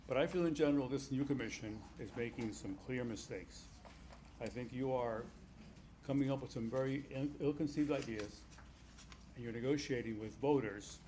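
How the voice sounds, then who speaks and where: A man originally from Cuba addresses a town commission in an assertive, critical tone. His voice sits at an ordinary pitch, over faint room noise. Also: a little mellow. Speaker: public commenter. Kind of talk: public comment at a town meeting.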